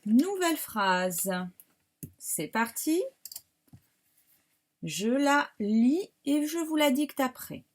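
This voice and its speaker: A woman teacher with a French accent giving a slow, careful dictation lesson to young pupils, spelling words out. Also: sits high, expressive. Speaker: primary school teacher.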